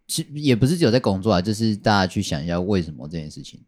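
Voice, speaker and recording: A man's voice: fairly low pitch, big pitch swings, rapid-fire, a little mellow. A man chatting casually on a podcast, rambling and repeating his phrases with many fillers. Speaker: podcast guest telling a work story.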